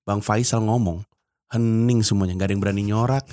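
A man, a stand-up comedian telling stories as a podcast guest, animated and acting out phone calls. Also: fairly low pitch, fairly quick, no room sound. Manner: animated storytelling, acts out phone calls and laughs often. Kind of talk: casual podcast chat.

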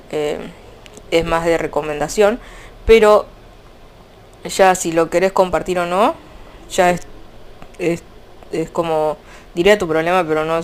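A young woman with an Argentine accent, chatting casually about fanfiction in a rambling, animated way. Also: on the low side, a little hiss or hum. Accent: Argentine Spanish. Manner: chatty, rambling, frequent restarts and fillers. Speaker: fanfiction vlogger. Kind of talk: casual chat.

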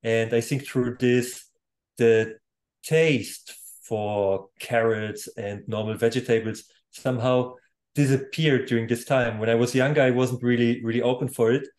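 A music producer in his thirties, born in Poland and raised in Germany, speaks English as a second language, German being his first. His voice is medium-pitched, fairly even, measured and a little mellow. As a guest in a casual interview, he laughs easily and restarts his sentences.

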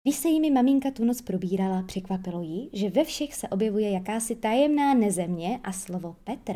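A woman reading a children's storybook aloud, lively storytelling with small slips. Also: mid-range voice.

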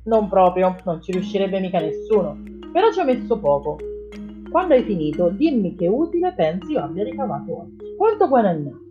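A woman's voice: medium pitch, big pitch swings, brisk, muffled recording, over music, natural voice. A woman reading an audiobook, voicing a boastful, bullying father who deals in cars. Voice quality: loud, bullying, self-satisfied. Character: blustering boastful father, a crooked car dealer.

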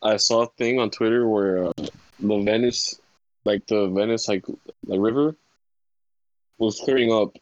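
Young man, lower voice, halting casual talker, dry and slightly dull recording. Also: dry recording. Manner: halting, full of "like". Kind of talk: casual chat.

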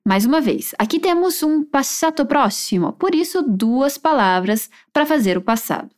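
A woman teaching a language lesson, slowing down to model phrases clearly for learners to repeat. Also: sits high, lively intonation.

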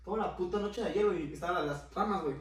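Young Mexican co-host, high voice, loud joker, echoey room. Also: male voice, very fast. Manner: joking, teasing, loud. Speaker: podcast co-host. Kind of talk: casual chat. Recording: echoey room, mic at a distance.

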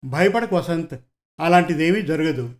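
Male narrator doing a steady, in-charge lead detective for an audio story; firm and unhurried, voice a little high. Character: calm, commanding male senior detective.

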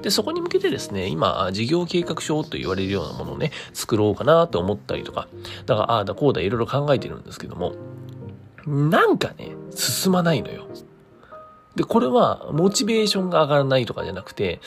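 Over background music, a man running his own daily talk stream gives a casual solo monologue in a fast, creaky voice whose pitch swoops wildly. He mixes courteous announcer phrasing with informal asides. He works through his thoughts aloud, hesitant and rambling.

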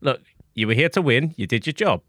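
A man's voice: medium pitch, expressive, fairly quick, fairly bright tone, no echo, studio quality. A man voicing a stern older male dwarf leader with a faint Scottish lilt, in a tabletop role-play. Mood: defensive.

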